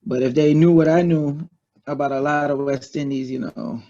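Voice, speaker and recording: A man's voice: on the high side, fairly even intonation, moderate pace, mellow, highs cut off. A man with a Trinidadian accent, a guest talking bluntly and casually, swearing freely. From United States. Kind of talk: casual interview talk.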